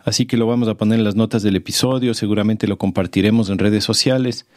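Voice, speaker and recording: A man's voice: on the low side, steady tone, quick pace, darkish tone, no room sound, studio quality. A man hosting a podcast, talking in a casual, enthusiastic and informal way. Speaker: podcast host.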